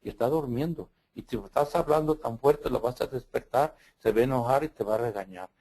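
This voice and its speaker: A man's voice: mid-range voice, mellow, natural voice. An older man voicing a curious, chatty six-year-old girl who keeps firing questions. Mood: earnest. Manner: eager rapid questioning.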